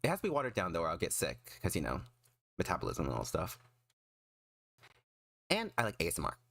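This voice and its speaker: Animated low-voiced man, excitable streamer. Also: a little fast. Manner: excitable, self-deprecating, emphatic. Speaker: streamer and artist. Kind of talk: casual livestream chat.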